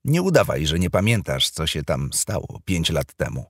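A man's voice: very deep voice, sing-song, normal speed, no echo, clean studio sound, heavily acted. A man voicing a fussy, easily irritated middle-aged wife who scolds sharply, read for an audiobook. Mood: insistent.

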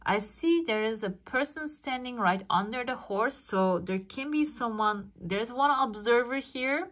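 A woman's voice: a little high, lively intonation, unhurried, fairly bright tone. A woman speaking as a fortune teller, giving a casual reading straight to the viewer and musing aloud as she interprets. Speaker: fortune teller, channel host. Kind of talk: casual coffee cup fortune-telling reading.

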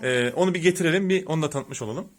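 A man's voice: fairly high pitch, very fast. A man hosting a family quiz challenge in casual chat, playful and teasing, often breaking into laughter. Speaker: channel host running a family quiz challenge. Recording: home video with loud background noise.

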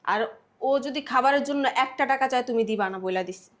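Sarcastic young wife, played by a woman talking very fast and pitched high. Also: fairly bright tone. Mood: complaining. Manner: complaining, sarcastic. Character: sharp-tongued young wife, sister-in-law. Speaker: actor. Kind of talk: village family drama acting.

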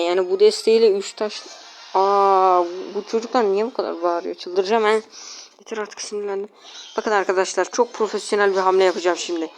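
A woman's voice: medium pitch, slight background noise. Exasperated woman commenting on her gameplay. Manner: talks to viewers and opponents, grumbling and exasperated; self-mocking, jokey asides. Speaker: mobile game player commenting on her matches.

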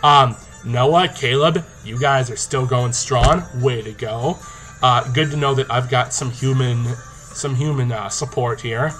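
In an unhurried, medium-pitched voice, a young adult video diarist from a zombie tag game vlogs casually to camera, sounding playful, animated, and boastful. A rock song plays faintly behind him in a small indoor room, picked up by a webcam or laptop mic at arm's length.

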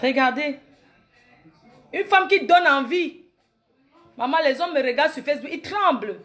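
A comedic vlogger in her late thirties, she has a high-pitched, expressive, fairly bright voice and keeps a moderate pace. Her Cameroonian French accent colors a brash, boastful comedy monologue aimed at mocking her critics.

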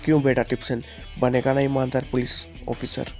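A man's voice: medium pitch, completely flat delivery, moderate pace, soft background music. A man voicing an angry poor father who rants and threatens while narrating a game story. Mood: speechifying. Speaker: gaming channel host.

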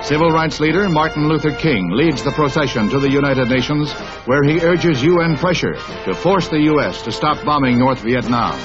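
A man reads an old newsreel in a brisk announcer's style, slipping in wry, punning asides. His voice sits a little high for a man. The sound is dull and lo-fi like vintage film audio, with music playing clearly beneath him. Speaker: newsreel narrator. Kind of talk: 1960s newsreel narration.

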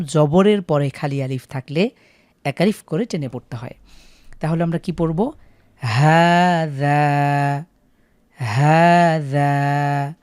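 A man's voice: a little high, warm tone, no room sound. A man with a Bangladeshi Bengali accent teaching a Quran recitation class, patiently repeating questions and drilling syllables.

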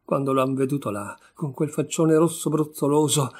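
A man's voice: a little high, moderate pace, a little mellow, slightly rough. A man reading a short story aloud, voicing a bitter, sardonic young man disgraced after a trial. He speaks with wry irony.

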